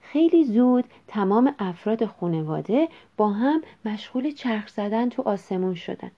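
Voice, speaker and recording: A woman reading a children's story aloud in an expressive, measured way. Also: medium pitch. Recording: dull lo-fi recording.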